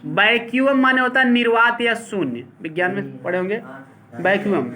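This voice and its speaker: A man teaching an English grammar lesson to a class, explaining slowly and often asking whether it is clear. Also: sits high, pushed and bright.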